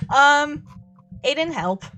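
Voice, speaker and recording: Young woman streamer, chatty and excitable, a bit of a cold, bright higher voice over faint music. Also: slow pace. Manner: excitable, gushes and laughs a lot. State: coming down with a cold, coughing. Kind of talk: casual chat while drawing.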